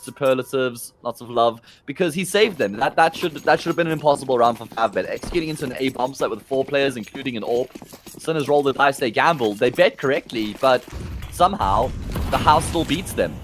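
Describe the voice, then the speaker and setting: A man with a South African accent giving quick, animated play-by-play commentary on a live esports match. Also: medium pitch, slight background noise. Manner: quick, animated calls over game action. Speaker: esports caster. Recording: faint game gunfire underneath.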